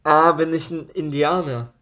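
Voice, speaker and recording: A young man playing a guessing game, excitable and slangy, exclaiming a lot. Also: fairly high pitch, unhurried. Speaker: guessing player. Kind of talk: casual chat.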